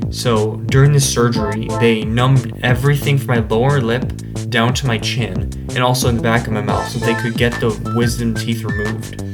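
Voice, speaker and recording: Man, vlogger, casual storytelling, conversational, mid-pitched, clear instrumental music behind. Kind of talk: casual retrospective storytelling to camera.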